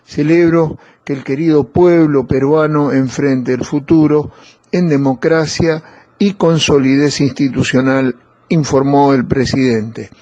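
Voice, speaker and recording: A man's voice: a little high, fairly even intonation, warm tone, no echo. Man reading news on muffled lo-fi audio. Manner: measured, formal delivery. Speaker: radio correspondent. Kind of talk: read news report.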